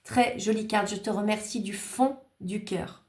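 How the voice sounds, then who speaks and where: A woman's voice: mid-range voice, fairly even intonation, a little slow, darkish tone. A woman hosting a craft channel, casually showing cards she was sent and thanking each maker in a chatty, grateful way with small hesitations. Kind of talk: casual show-and-tell of cards. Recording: echoey room.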